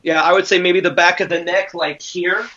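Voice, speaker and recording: A man's voice: sits high, steady tone, moderate pace, sharp tone. A man playing a tabletop game, speaking casually in brief, matter-of-fact statements over lo-fi audio. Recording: dull, lo-fi call audio.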